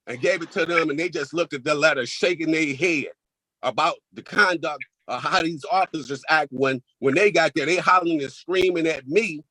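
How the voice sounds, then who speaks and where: A man speaks to a court over a video call, his voice sitting fairly high. He is heated and emphatic and keeps repeating himself. The sound is dry, with no room around it. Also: pushed and bright, no room sound, poor audio. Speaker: crime victim giving a statement. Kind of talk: courtroom victim impact statement.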